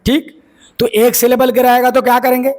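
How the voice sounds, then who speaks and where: High-voiced man teaching grammar. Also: completely flat delivery, fairly quick, darkish tone. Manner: explains step by step, repeats key words, asks and answers own questions. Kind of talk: classroom lecture.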